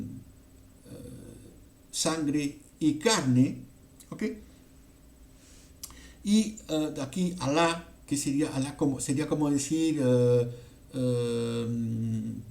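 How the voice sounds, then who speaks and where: A man from teaching a Bible passage in a halting way, with many fillers and frequent "ok?" check-ins. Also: mid-range voice, warm tone. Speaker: preacher.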